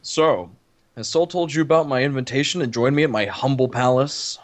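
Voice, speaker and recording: A man's voice: mid-range voice, a little fast, natural voice. A man doing a pompous, awkward geeky young man. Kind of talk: amateur voice drama.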